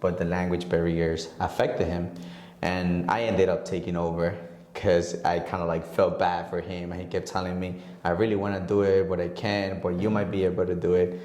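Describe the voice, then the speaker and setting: Brief: twenty-something guy from Honduras, very low voice, laid-back storyteller who acts out dialogue, echoey room. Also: normal speed. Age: 20s. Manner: relaxed storytelling, acts out quoted dialogue, laughs often. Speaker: guest real estate agent. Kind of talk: casual podcast interview.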